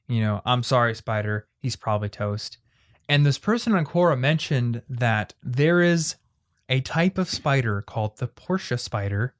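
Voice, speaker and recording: Man, 20s, podcast host, casual chat, storytelling, mid-pitched. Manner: chatty, storytelling, trailing off into asides.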